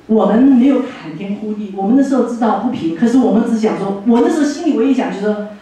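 An older woman from Taiwan with a Taiwanese Mandarin accent, sharing a heartfelt personal testimony as guest speaker at a church fellowship, telling it in an animated way with chuckles. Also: a little high, fast talker. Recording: echoey hall from far off.

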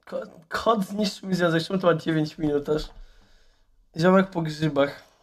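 A man's voice: fairly high pitch, normal speed. A man streaming and reacting to videos, chatting casually and mocking his viewers. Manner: offhand, mocking chat.

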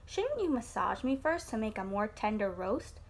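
A woman's voice: mid-range voice, sing-song, normal speed. A woman voicing a clever, cheeky little male piglet in a storybook, sweetly sly with a squealing edge.

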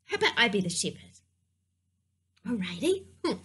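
A woman's voice: mid-range voice, very animated, normal speed, a bit bright, breathy edge. A woman teaching preschoolers, talking to the children in a playful, sing-song way during a puppet-show lesson.

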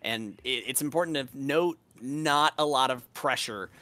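A young adult caster calls the action of a live esports match. The voice sits in a middle pitch range and gets more animated as fights break out. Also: a little slow, no echo. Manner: energetic play-by-play, rises with the action. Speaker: esports play-by-play commentator.

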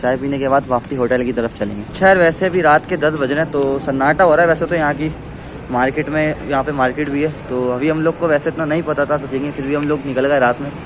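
A man's voice: fairly high pitch, quick pace, noisy background. A man speaking through a face mask, chatting casually to camera as a food vlogger while he walks a night street market. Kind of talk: casual travel vlog narration.

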